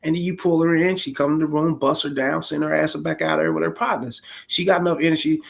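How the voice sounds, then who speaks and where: A man in his forties with a fairly high, steady voice and some vocal fry talks fast as he streams his reaction to a video. His commentary is blunt, profane, rambling and street-style.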